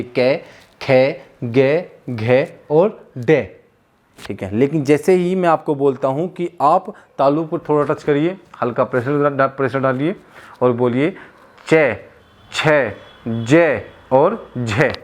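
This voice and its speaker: A young man teaching a class, explaining slowly, stretching out sounds and adding light jokes. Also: medium pitch, a little mellow. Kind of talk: classroom lesson.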